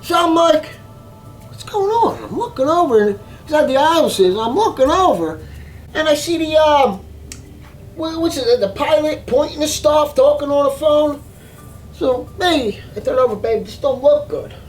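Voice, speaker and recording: High-voiced, animated storyteller man. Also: normal speed, soft background music, poor audio. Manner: animated, emphatic, repeats himself. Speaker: cooking channel host. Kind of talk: storytelling vlog.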